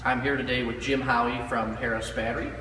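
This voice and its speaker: A man's voice: medium pitch, level tone, a little fast, big-room sound, noisy background. A man in his thirties, a solar installer, plainly walking through an off-grid battery and inverter system, with some fillers. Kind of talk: equipment walkthrough. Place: metal-walled pole barn.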